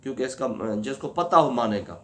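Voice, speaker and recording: Speaking at a medium pitch and with expressive delivery, a man teaches a religious lesson about prayer rules. He regularly poses questions and answers them himself, and he draws out words slowly to show their pronunciation.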